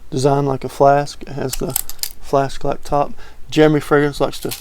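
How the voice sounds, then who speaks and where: A man talking casually to camera as a fragrance reviewer, relaxed and rambling with many fillers. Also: medium pitch, moderate pace, gravelly, a little hiss or hum.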